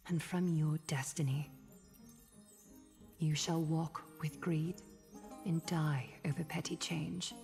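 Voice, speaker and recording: A woman playing a stern, elegant noblewoman dressmaker in a video game, speaking in a measured, solemn way. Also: deep voice, mellow, long reverb tail.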